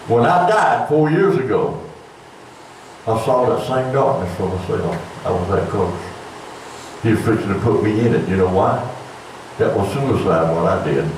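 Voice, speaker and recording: An older preacher delivering a folksy, conversational sermon that swells into emphatic, raised passages. His voice sits at an ordinary pitch for a man. It is heard from a distance in a very echoey church room with a faint hum of room noise behind him. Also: darkish tone.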